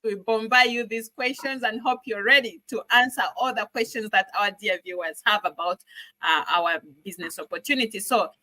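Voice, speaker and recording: Woman, livestream host, bright, upbeat, dry close sound. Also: medium pitch, moderate pace, dry recording, rough recording. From Uganda. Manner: upbeat, welcoming, lots of thank-yous. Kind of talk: online business livestream hosting.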